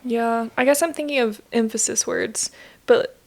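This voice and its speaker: A young woman co-hosting a podcast, easygoing and quick to laugh in casual chat. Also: on the high side, steady tone. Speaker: podcast co-host.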